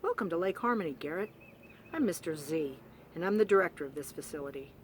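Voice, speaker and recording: A woman reading aloud as a gruff, stern, middle-aged male boarding school director, with vehicle noise behind her. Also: fairly low pitch, animated, fast talker, natural voice.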